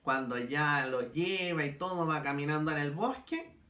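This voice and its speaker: Male schoolteacher, bright tone, slow careful delivery to kids, echoey room. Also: a little high, lively intonation. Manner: slow, stretched-out examples for children. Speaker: school language teacher. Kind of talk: recorded class for young pupils.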